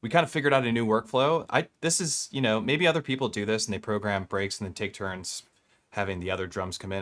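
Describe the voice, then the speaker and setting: A man's voice: fairly low pitch, a bit bright. A man talking through a vocal processor that heavily compresses his voice. He is an electronic music producer chatting casually and enthusiastically on a live stream, rambling and restarting his sentences. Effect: voice heavily compressed through a vocal effects processor.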